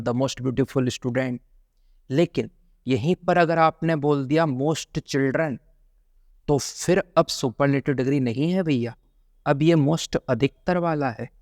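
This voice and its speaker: A man teaching English grammar for exam prep, chatty and drawing out his examples slowly. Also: medium pitch, steady tone, darkish tone, dry recording, clean studio sound. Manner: chatty, drills examples slowly, calls viewers brother.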